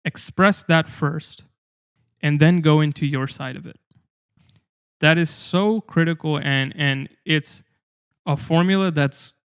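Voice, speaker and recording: Earnest young man, gravelly and resonant. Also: a little high, slow pace, long pauses. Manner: earnest, reflective, many fillers and restarts. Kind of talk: casual discussion.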